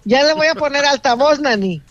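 Middle-aged mother on a phone call, high voice, insistent and repetitive, heard through a dull, muffled phone speaker. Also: expressive, fairly quick, soft background music. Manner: emphatic, repeats herself, insistent.

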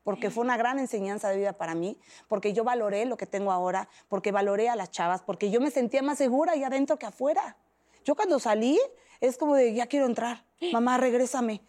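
A woman's voice: fairly high pitch, fast. A woman in her thirties with a Mexican accent, telling a personal story as an interview guest, acting out the voices of others. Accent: Mexican Spanish. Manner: animated, acts out quoted voices.

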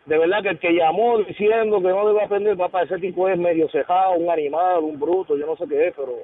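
A man's voice: high-pitched, fairly even intonation, quick pace. A man who drives trucks calling in to a radio show, talking in an easygoing, rambling way. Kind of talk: casual call-in chat. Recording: distant tinny phone line.

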